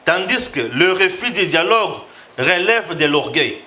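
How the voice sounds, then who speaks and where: Man with a bright voice. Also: high voice, lively intonation, a little slow. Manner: reads tweets aloud and comments, switching between French and Lingala. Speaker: host. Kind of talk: political commentary show.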